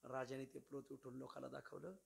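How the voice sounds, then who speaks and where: A man preaching a devotional story in a sermon, lively and repeatedly addressing his listeners as Maharaj. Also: mid-range voice, fairly quick, creaky, breathy edge. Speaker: kirtan preacher. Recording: musical accompaniment behind voice.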